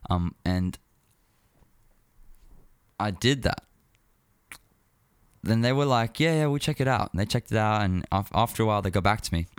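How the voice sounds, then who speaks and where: A man with a low voice hosts a casual music show by himself. He talks informally, wandering and pausing as he thinks. The sound is dry and close, with very little room. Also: clean tone, dry recording. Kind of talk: casual solo talk about music.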